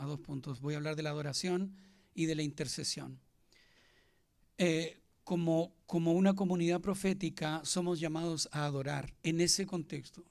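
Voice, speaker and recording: A man's voice: a little high, creaky. A man, preaching a sermon as pastor and asking his congregation questions.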